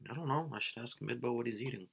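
A man's voice: medium pitch, fast, gravelly, fairly bright tone, breathy edge. A man co-hosting a casual sports podcast, from the Upper Midwest, joking in a dry, crude way. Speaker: podcast co-host.

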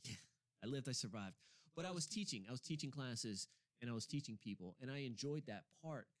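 A man's voice: mid-range voice, animated, brisk. A man hosting a casual studio chat, laid-back and joking, often trailing off mid-sentence. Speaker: podcast host. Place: small studio.

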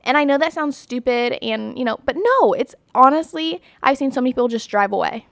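A woman's voice: high voice, lively intonation, brisk, fairly bright tone, dry recording, studio quality. A young woman vlogging in a casual, opinionated way, blunt and emphatic, with lots of "like" and "you know". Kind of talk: casual talk to camera.

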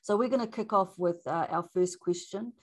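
Female moderator, slightly low voice, Māori New Zealand accent, relaxed informal wording with Māori phrases. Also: moderate pace. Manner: informal, mixes in Māori words. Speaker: panel host.

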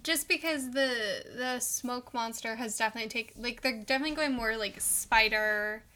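Bright-voiced woman in casual podcast chat. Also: fairly high pitch, brisk. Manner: chatty, full of "like". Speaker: podcast co-host. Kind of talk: casual chat about a TV show.

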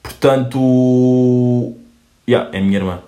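A young man with a European Portuguese accent hosting a casual comedic monologue, joking, swearing and throwing in quick asides. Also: mid-range voice, dark tone, soft background music. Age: young adult. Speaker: host. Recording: roomy echo.

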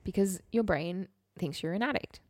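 A podcast co-host, a young woman, talks at a normal speed in a voice on the low side, keeping the conversation casual with storytelling. She's candid and wry, often repeating herself for emphasis. Studio-quality audio, no echo.

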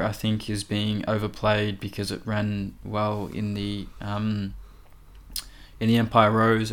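A man analysing horse races casually, in a halting, hesitant manner. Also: on the low side, fairly bright tone. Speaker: racing podcast tipster. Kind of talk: casual analytical racing chat.

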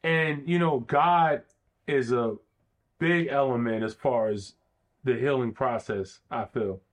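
A man's voice: medium pitch, slow pace. Earnest, thoughtful man in conversation. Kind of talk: reflective conversation.

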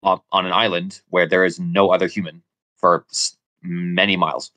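A man's voice: low-pitched, little pitch movement, moderate pace, bright, forceful tone. A man in a casual discussion, easygoing and agreeable.

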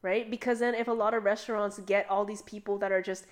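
This young woman talks fast in a medium-pitched voice as she co-hosts a podcast. The chat is casual and the storytelling lively, peppered throughout with "like."

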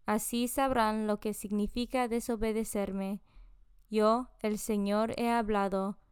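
A woman reading scripture and daily prayers in a measured, solemn devotional style. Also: mid-range voice, little pitch movement, a little mellow, clean tone, no room sound, clean studio sound. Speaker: scripture reader.

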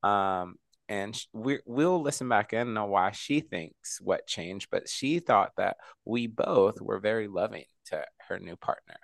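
A man co-hosting a podcast, talking in a thoughtful, measured, somewhat halting way. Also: fairly low pitch, vocal fry, no echo. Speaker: podcast co-host. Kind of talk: casual chat.

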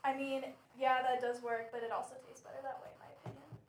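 A chatty, opinionated young woman with a slightly high voice talks in a loose roundtable. Her voice echoes in the room over a faint hum of ambience. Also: little pitch movement, fast talker. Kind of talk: casual roundtable chat.

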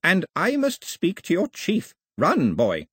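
A man voicing a frail, bewildered old male priest, croaking, pompous and given to wailing. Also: sits high, wildly swooping pitch, takes it slowly, fairly bright tone, dry recording, pitched above the performer's own voice, heavily acted. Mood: querulous.

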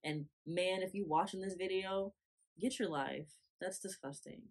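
A young woman with a low voice co-hosts a casual podcast. She talks bluntly and reacts with animated, repeated disgust. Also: measured pace. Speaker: podcast co-host. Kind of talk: casual chat.

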